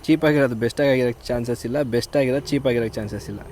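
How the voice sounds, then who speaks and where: A man hosting a camping vlog outdoors by a river, explaining things calmly in casual chat. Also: very fast, slight background noise. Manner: explains calmly, then talks high and loud to his small child. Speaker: vlogger host.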